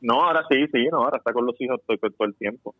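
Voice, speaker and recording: A man's voice: mid-range voice, racing, phone-quality sound. A man hosting a casual podcast, telling stories animatedly and swearing casually. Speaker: podcast host.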